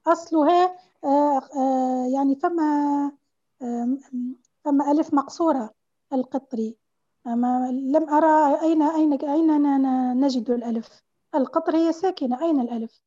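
High, hesitant woman student. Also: mellow, muffled recording. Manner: hesitant, many pauses and fillers. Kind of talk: asking questions in class.

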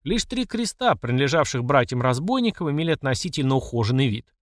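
A man narrating an audiobook with expressive storytelling. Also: mid-range voice, fast talker, no room sound, studio quality. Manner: expressive storyteller, voices each character. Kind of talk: scripted narration.

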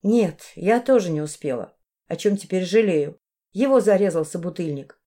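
Lady reading a tired bitter young woman, cold and low-key. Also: animated, normal speed, mellow. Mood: weary.

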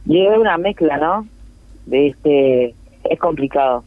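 Over a tinny, dry telephone line, a woman representing her neighborhood talks in Uruguayan Spanish with a low, animated, unhurried voice. She is hesitant throughout, leaning on fillers and frequent restarts.

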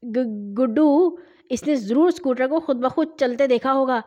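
A woman's voice: high voice, darkish tone, dull audio. A woman playing a jittery, stammering mother. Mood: frightened. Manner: stammering and panicky. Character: flustered, fearful mother of a household.

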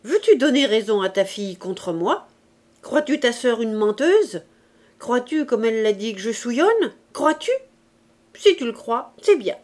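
A woman voicing a domineering, quick-tempered mother in a French audiobook, with indignant, shrill outbursts. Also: lively intonation, darkish tone. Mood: scolding. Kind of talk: audiobook reading.

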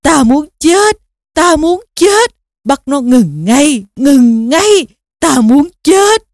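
A woman's voice: sits high, sing-song, very slow, darkish tone, no room sound, clean studio sound, pitched above the performer's own voice, exaggerated voice. A woman voicing a very old male wizard in agony, begging for it to stop with anguished cries. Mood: pleading anguish.

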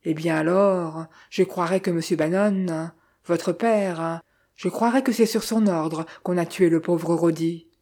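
Earnest young gentleman adventurer in an audiobook, read by a woman, mellow husky tone. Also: on the low side, steady tone, a little slow.

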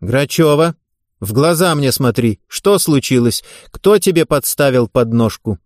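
A man's voice: medium pitch, expressive, measured pace, a little mellow, dry recording, clean studio sound, close to an everyday voice. A man voicing a strict, irritable woman gymnastics coach who speaks sharply and commandingly.

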